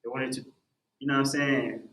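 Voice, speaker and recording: A young music artist, guesting on a casual podcast interview, tells his story with animation and drops "bro" and "man" into nearly every sentence. His mid-register voice is fairly bright and fairly quick, with fairly even intonation. The recording has a roomy, echoey sound.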